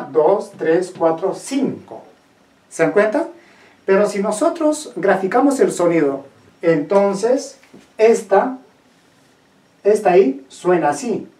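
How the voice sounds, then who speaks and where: A teacher giving a classroom lecture on phonetics, speaking deliberately and often stopping to ask the students if they follow. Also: mid-range voice, a little mellow. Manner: slow, deliberate, checks understanding with questions. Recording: echoey room, voice from a distance.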